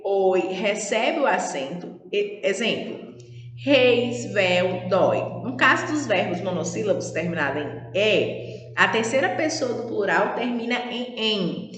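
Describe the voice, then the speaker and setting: A woman's voice: on the high side, pushed and bright. A woman teacher giving a formal grammar lesson, often checking in with tag questions. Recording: echoey room with long reverb.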